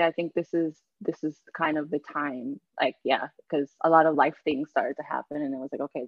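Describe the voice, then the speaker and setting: A Jamaica-born woman raised in Yonkers and Mount Vernon, New York, is a travel writer guesting on a podcast, talking casually and rambling as she loops back over her phrases. Her low-pitched voice comes through lo-fi with no echo.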